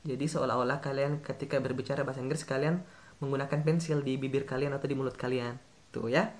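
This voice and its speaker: A man's voice: medium pitch, steady tone, fast talker. A man talks viewers through study tips as an English tutor. His delivery is casual and chatty, and he often stops to correct himself mid-sentence. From Makassar, Indonesia. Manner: chatty, addresses viewers directly, frequent self-corrections. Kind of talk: casual teaching vlog.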